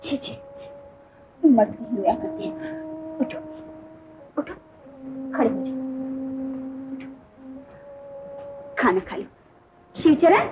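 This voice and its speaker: A high, lively female voice, a devoted young sister-in-law who begs and coaxes with theatrical insistence. It has the tinny, phone-thin sound of an old 1950s film print with a faint hiss underneath. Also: takes it slowly, pauses often. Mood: coaxing. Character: gentle, stubborn young bhabhi who tames her drunk brother-in-law. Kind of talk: 1950s Hindi film acting.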